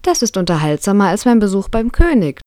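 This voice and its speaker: A woman voicing a curious, innocent little boy prince in a gentle, wondering child voice. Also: medium pitch, big pitch swings, brisk, dry recording, clean studio sound, voice pushed up, close to an everyday voice.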